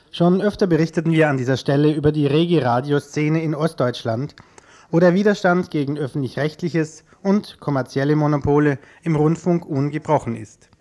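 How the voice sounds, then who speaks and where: Higher-voiced male radio news reporter. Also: a little mellow. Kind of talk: scripted news narration.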